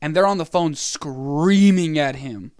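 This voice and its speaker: A man's voice: a little high, a little slow, a little mellow, clear, resonant tone, no echo, studio quality. Young man telling rambling stories. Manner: rambling storyteller with many fillers. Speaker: podcast co-host. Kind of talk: casual podcast chat. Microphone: podcast microphone.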